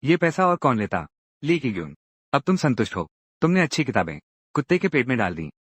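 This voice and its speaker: Male recap narrator, mid-pitched and very lively, dry close sound, acts out all the parts. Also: fairly quick, slightly rough, dry recording. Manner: lively, acts out each character's lines in turn. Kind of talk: dramatic Hindi recap narration voicing every character.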